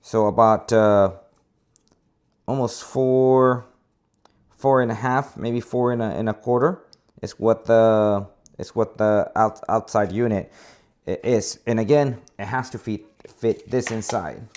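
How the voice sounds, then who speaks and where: This product demo comes from an installer whose voice is lowish, steady and darkish, and he takes his time. Speaking casually and off the cuff, he hesitates and keeps correcting himself by repeating words, against a noisy background of clicks and handling clatter.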